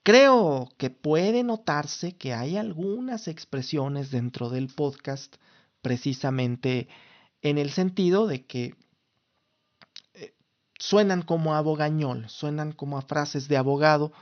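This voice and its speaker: A Mexican man in his thirties, from Mexico City, hosts a casual solo podcast in a slightly high voice over lo-fi sound. His Mexican Spanish delivery is formal and lawyerly, with lots of restarts.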